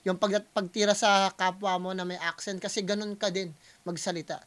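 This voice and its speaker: A Filipino man hosting a reaction video, talking casually in mixed Tagalog and English, pausing often and calling out to his viewers. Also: high voice, little pitch movement, a bit bright. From Philippines. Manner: hesitant Taglish, keeps addressing viewers as guys.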